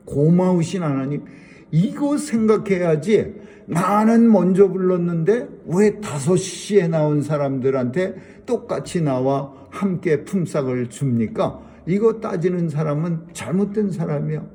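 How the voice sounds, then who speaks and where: A man's voice: on the high side, dark tone. A middle-aged man preaching a Sunday sermon, emphatic and repeating his key phrases. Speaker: pastor.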